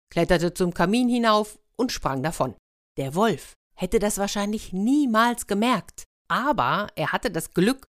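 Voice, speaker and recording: Expressive woman telling a fairy tale. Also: lowish voice, no echo, studio quality. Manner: expressive, dramatic storytelling. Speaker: storyteller.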